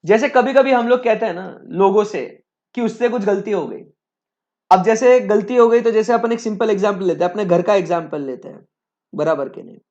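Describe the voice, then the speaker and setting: A man's voice: high voice, lo-fi sound. A male teacher giving a live online lecture, talking conversationally and repeatedly checking in with his students.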